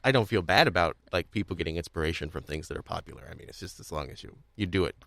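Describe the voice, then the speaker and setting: This podcast host has a fairly low, gravelly voice with a fairly bright tone, and he chats casually with a guest about audio drama. His speech wanders and stalls, words doubling back as he figures out what he means. There's no room sound; the audio is completely dry.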